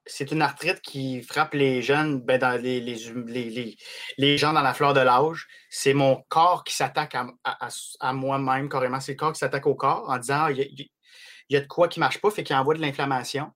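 A man in his late twenties with a Québécois French accent, telling stories in a casual chat as a podcast guest, rushing through them with lots of restarts. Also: mid-range voice. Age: late 20s. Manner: rapid, animated storytelling with frequent restarts.

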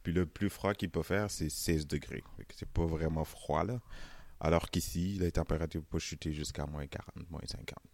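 A young man from Senegal with a Senegalese French accent softened by Canadian French, chatting easily in an interview and laughing often. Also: rumbling low, moderate pace, no room sound. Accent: Senegalese French, softened toward Canadian French. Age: young adult. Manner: relaxed, chatty, laughs often, many "euh" and "tu sais". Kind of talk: casual interview.

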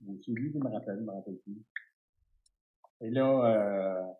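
A man with a Québécois accent telling an animated, self-mocking story full of fillers and restarts. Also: lowish voice, normal speed, narrow, tinny audio. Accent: Québécois French. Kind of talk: casual storytelling.

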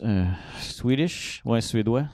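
A man's voice: medium pitch, takes it slowly, a little mellow, dry recording, clean studio sound. A young man with a Québécois French accent, co-hosting a podcast in casual chat and telling crude, joking stories. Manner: loose, joking, crude humor. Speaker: podcast co-host.

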